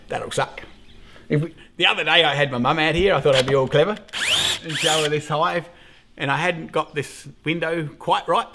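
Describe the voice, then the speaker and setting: A man's voice: fairly high pitch, background noise. A middle-aged Australian man, a beekeeping vlogger, chatting casually and rambling as he swears and laughs beside his observation hive. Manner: chatty, cheerfully profane, rambles with frequent laughs. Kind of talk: casual rambling vlog talk.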